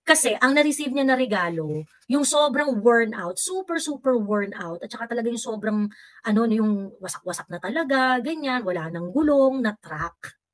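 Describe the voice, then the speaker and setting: A woman vlogger and livestreamer delivers heated, sarcastic political commentary, mixing Filipino with English and mocking opponents by quoting them in exaggerated voices. Her voice is a little high, with lively intonation at a moderate pace.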